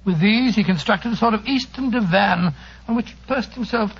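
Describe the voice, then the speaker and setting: An actor playing a genial English doctor and storyteller with a husky, gravelly voice and a bumbling manner, in old radio drama style. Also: male voice, high-pitched, moderate pace, full character voice. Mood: reflective. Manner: bumbling, stammering in dialogue. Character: older English doctor, genial, easily astonished sidekick and storyteller. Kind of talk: 1940s radio drama acting and narration. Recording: dull, lo-fi old radio recording.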